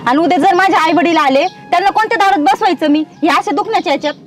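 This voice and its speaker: A woman's voice: very high-pitched, quick pace. A young woman playing a harsh daughter-in-law who scolds her elderly in-laws with contempt. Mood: defiant.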